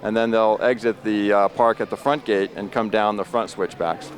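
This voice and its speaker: A man co-hosting live coverage of a road race outdoors, explaining the course in a precise, measured, technical way. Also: on the low side, steady tone. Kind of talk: explanatory live broadcast commentary.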